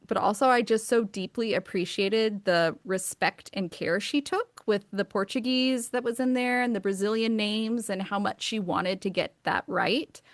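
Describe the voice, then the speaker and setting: This is a chatty, enthusiastic author from the United States appearing as a guest in a laid-back interview, sprinkling her speech with plenty of "um" and "like." Her voice is mid-range, and the studio sound is clean and free of echo.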